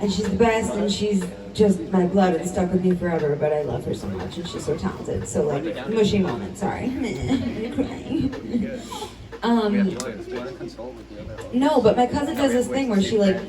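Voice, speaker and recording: A woman's voice: mid-range voice, normal speed. Twenties woman hosting her party roast, loose and giggly; roomy far mic, crowd audible. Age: 20s. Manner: giggly, swearing, rambling. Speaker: birthday host and emcee. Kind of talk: casual emcee patter. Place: house party room with a crowd. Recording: roomy sound from a distant mic. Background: crowd laughter.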